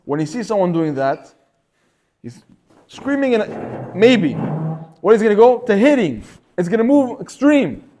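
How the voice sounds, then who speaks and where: A man teaching an informal Torah class in a synagogue, animated and often repeating words as he acts out stories. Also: very high voice.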